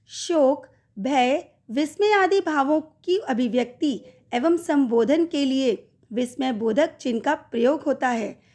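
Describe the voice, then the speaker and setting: A middle-aged woman teaching a Hindi grammar lesson to schoolchildren, speaking some examples in an animated voice. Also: high-pitched. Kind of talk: slow recorded classroom lesson.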